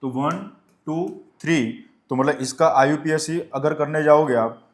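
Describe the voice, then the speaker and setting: A male chemistry teacher lecturing a class, who asks questions and answers them himself and dictates definitions slowly. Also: on the high side, steady tone, roomy sound.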